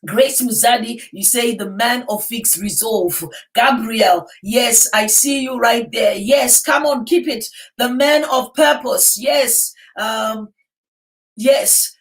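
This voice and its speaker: Lady preacher doing a rallying motivational sermon, high voice, really emphatic, says lines over again, mic sounds distant. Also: slow. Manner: emphatic, rallying, repeats phrases for effect. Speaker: motivational preacher addressing a live online audience.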